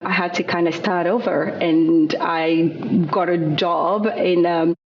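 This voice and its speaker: A woman's voice: fairly low pitch, fairly even intonation, takes it slowly, muffled recording, slight background noise. A woman in her thirties from France with a French accent, a guest telling her story in a thoughtful way, with frequent fillers and repeated words. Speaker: guest, skincare founder. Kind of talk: conversational interview.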